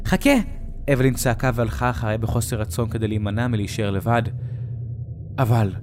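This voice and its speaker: A man narrating a horror story, dramatic and slowing down at the frightening moments. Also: lowish voice, little pitch movement, background noise. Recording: narration over music.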